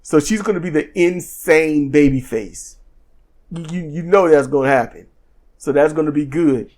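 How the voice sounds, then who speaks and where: High-voiced man recapping wrestling casually. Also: moderate pace, a little mellow. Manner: rambling recap with frequent ums and restarts, acts out quotes. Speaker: podcast co-host. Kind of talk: casual wrestling review chat.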